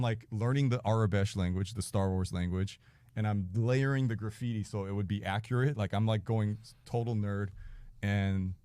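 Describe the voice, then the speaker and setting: A man's voice: on the low side, warm tone, clean tone, no room sound. A man telling a rambling, profane story as a podcast guest, acting out quotes and laughing mid-sentence. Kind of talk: casual anecdote-telling.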